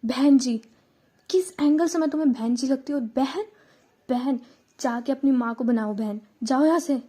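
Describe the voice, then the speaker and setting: Woman voicing a fuming young woman, indignant, loud, warm voice, audio story. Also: high-pitched, normal speed. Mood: furious. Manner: indignant, shouting. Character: angry young woman insulted in a cafe.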